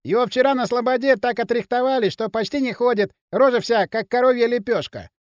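A man doing an excitable chattering lad. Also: very high-pitched, brisk, dry recording, studio quality, voice pushed up. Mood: animated. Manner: lively storytelling.

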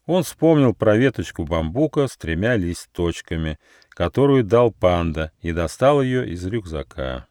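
A man reading his own fairy tale aloud as an audiobook, with expressive storytelling. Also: deep voice, measured pace, no echo, clean studio sound.

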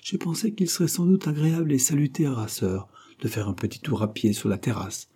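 A man's voice: mid-range voice, big pitch swings, brisk, mellow, husky, pitched above the performer's own voice. A man voicing an eager, obliging young chauffeur who speaks helpfully and deferentially.

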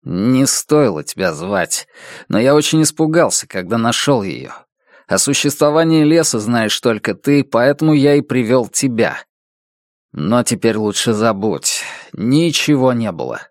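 A man's voice: mid-range voice, lively intonation, unhurried, dry recording, clean studio sound. A man reading an audiobook voices a stern young male violinist who speaks curtly and commandingly. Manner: curt, commanding.

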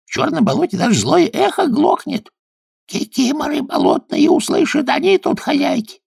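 A man doing a little high-voiced forest sprite. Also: big pitch swings, moderate pace, gravelly, darkish tone, no room sound, studio quality, heavily acted. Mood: pleading. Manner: polite, reassuring. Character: small nimble male forest sprite, kindly.

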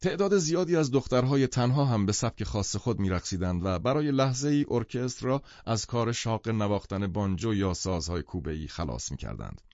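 A man reading a novel aloud as an audiobook narrator, in a lively, expressive scripted narration. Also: lowish voice, hardly any pauses, dry recording. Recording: dull lo-fi dry recording.

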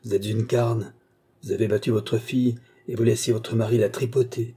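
Brief: indignant young man, low and dark-toned, accusing, read by the narrator. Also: level tone, normal speed, slightly rough.

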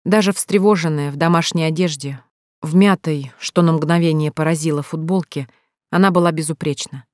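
Dry, measured audiobook narration. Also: mid-range voice, steady tone, darkish tone, no echo. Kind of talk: scripted narration.

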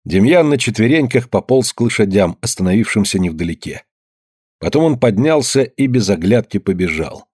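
A man narrating an audiobook in a measured, grave storytelling manner. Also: lowish voice, lively intonation, a little mellow, slightly rough, no room sound, studio quality. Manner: measured, grave storytelling, slowing at somber moments.

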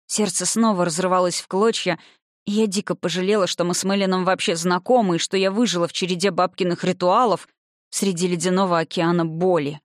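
A woman narrating a first-person novel in an expressive, emotional reading voice. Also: fairly low pitch, fairly quick, dry recording, clean studio sound. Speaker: audiobook narrator.

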